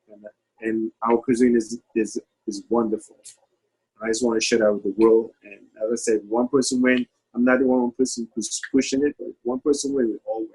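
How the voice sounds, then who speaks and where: A man's voice: mid-range voice, darkish tone, husky, rough recording. A man from the Caribbean, a chef, talking eagerly on a video call panel, often restarting his phrases.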